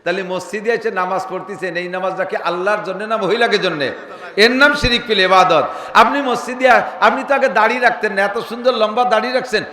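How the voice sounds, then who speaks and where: A man preaching a humorous sermon, telling stories and mimicking the people he quotes, sometimes breaking into shouts. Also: high-pitched, a little fast. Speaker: Islamic preacher. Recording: echoey hall with long reverb.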